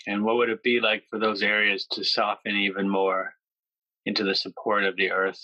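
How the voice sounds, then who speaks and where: A man with a clear-cut, bright voice leads a yoga nidra meditation for body relaxation. He speaks slowly and gently in short phrases separated by long pauses, his pitch staying very flat. The recording is dry and slightly dull, with little sense of a room.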